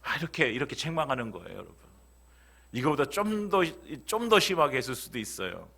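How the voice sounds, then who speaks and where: A man's voice: medium pitch, very animated, fairly quick, vocal fry, sharp tone. A male pastor preaching a sermon at a church service, who poses rhetorical questions to the congregation and repeats key phrases.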